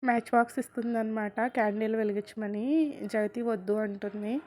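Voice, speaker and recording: A woman with a high voice casually retells a story scene by scene. She strings events together with frequent tag fillers in a relaxed storytelling manner. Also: fairly quick.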